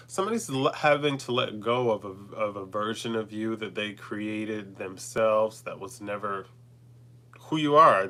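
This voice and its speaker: Bright-voiced man, stuffy and chatty. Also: mid-range voice. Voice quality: stuffy from sneezing. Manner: chatty, blunt, swears freely, swings between hushed asides and bursts of emphasis. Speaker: drag entertainer and spiritual card reader. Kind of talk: casual vlog card reading.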